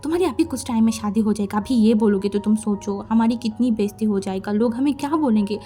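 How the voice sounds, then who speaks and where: A woman's voice: medium pitch, warm tone, faint music behind, close to an everyday voice. A woman voicing a mother who coaxes her son into a marriage. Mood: pleading. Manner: coaxing, quick persuasive talk. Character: pleading mother, coaxing and firm.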